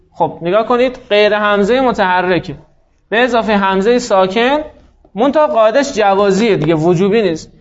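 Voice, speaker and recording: Male teacher, fairly high voice, patient step-by-step grammar lecture, slightly muffled recording. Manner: explains step by step, asks and answers his own questions.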